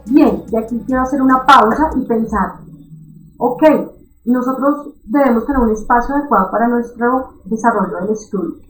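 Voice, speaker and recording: Lively woman teacher, echoey room. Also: fairly high pitch, moderate pace, slight background noise. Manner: lively, encouraging, checks in with "¿cierto?". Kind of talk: online reading lesson. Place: recorded for an online class.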